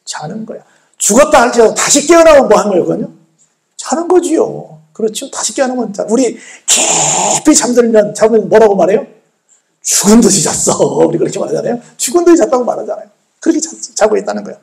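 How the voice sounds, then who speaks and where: A man's voice: sits high, fast, gravelly. A male pastor preaching a sermon in a church, telling the story with acted-out voices and asking his listeners questions. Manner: animated storytelling, acting out speakers, asks congregation questions.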